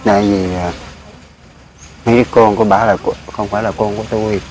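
A man's voice: lowish voice, steady tone, fast, vocal fry, darkish tone, slight background noise. An older man, talking casually in an emphatic, plaintive way. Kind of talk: casual chat.

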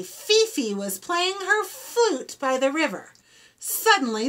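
A woman reading a picture book aloud to children, stopping to explain new words and ask them questions. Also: extremely high pitch. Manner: animated, asks children questions. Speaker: storybook reader for children. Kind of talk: children's read-aloud with vocabulary teaching.

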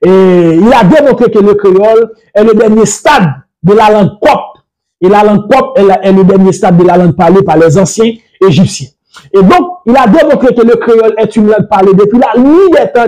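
High-voiced man giving a methodical lecture. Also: warm tone, poor audio. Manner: methodical and didactic, strings points together with frequent "donc"; slow deliberate spelling-out of word lists. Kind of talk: spoken lecture on language and religion.

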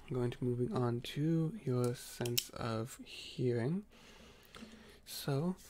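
A man murmurs close to the microphone in a whispered role-play as a gentle doctor. His voice is mellow and hushed, and he pauses often with small fillers. He gives each instruction slowly and calmly. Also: mid-range voice, slight background noise. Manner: soft-spoken, slow and gentle, with frequent hesitant fillers. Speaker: doctor giving a cranial nerve exam.

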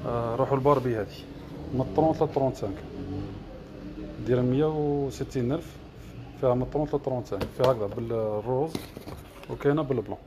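A man's voice: mid-range voice, racing, long pauses, background noise. A man with an Algerian Arabic accent showing shoes in his shop, rattling off prices, sizes and colors in a list. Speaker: shop seller. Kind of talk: product showcase livestream. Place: shoe shop.

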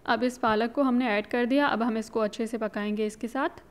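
A relaxed cooking-channel host guides viewers through a home recipe in voice-over, chatty and instructive, with English words frequently slipping in. Her pitch leans a bit high, and her delivery is smooth and slightly quick.

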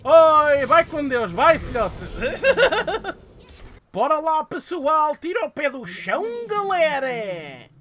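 Excitable high-voiced Portuguese gamer. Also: male voice, slow, a little hiss or hum. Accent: European Portuguese. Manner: excitable, swearing, shouting outbursts. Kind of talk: live gameplay commentary.

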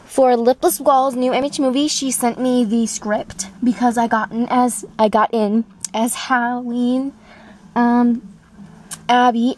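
High-voiced young-sounding woman talking with braces. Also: a little mellow, a little hiss or hum. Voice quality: talking with newly fitted braces. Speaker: amateur voice actor auditioning. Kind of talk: casual rambling chat to camera.

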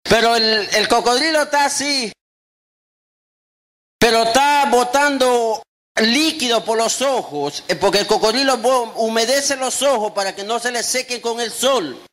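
A man preaching a sermon as a pastor, emphatic and acting out quotes, at times breaking into shouts. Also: extremely high pitch, lively intonation, unhurried.

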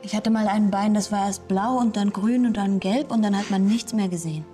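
A woman's voice: medium pitch, steady tone, a little fast, warm tone, soft background music, close to an everyday voice. A young actress playing a frightened, stubborn pregnant woman in a TV drama. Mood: stubborn, tender. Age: young adult. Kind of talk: TV drama acting.

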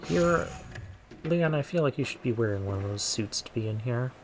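A let's play host gives casual commentary on a video game at a normal speed, thinking aloud and muttering asides as he goes. His mid-range voice is animated, with slight background noise in the recording.

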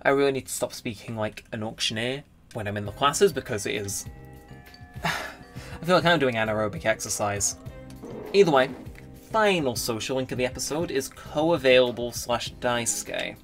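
A man's voice: medium pitch, moderate pace, a bit bright, soft background music. A man giving casual, rambling commentary as he plays a game, often correcting himself and reading the on-screen text aloud. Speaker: let's play gamer.

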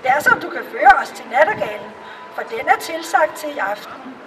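A woman voicing a pompous male court cavalier in a storybook reading, formal and a little lower. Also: sing-song, distant mic, noisy background.

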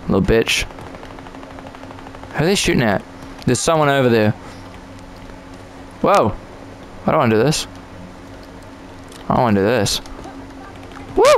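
A man's voice: mid-range voice, slight background noise, rough recording. A man giving casual, jokey commentary on his own gameplay, chatting to himself and to other players.

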